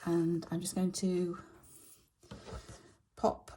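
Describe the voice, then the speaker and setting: A middle-aged woman with a slightly croaky voice, casually chatting with many fillers while she stitches. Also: on the low side, monotone, very slow, warm tone, a little hiss or hum. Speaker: stitching vlogger.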